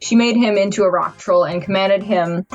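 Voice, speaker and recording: A woman who has been drinking delivers a rambling, mock-serious review at an average pitch. She halts and stumbles as she works through her notes. The sound is slightly dull and lo-fi, with music underneath. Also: a little mellow. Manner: halting and stumbling, mock-earnest analysis. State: tipsy, drunk. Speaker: amateur movie reviewer.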